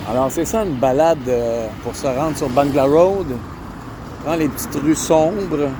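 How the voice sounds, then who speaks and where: Here a man with a Quebec French accent vlogs his nighttime walk through the city, chatting to a handheld camera and showing viewers what he passes. The voice is a little high and the pace measured, with outdoor traffic and street noise behind him.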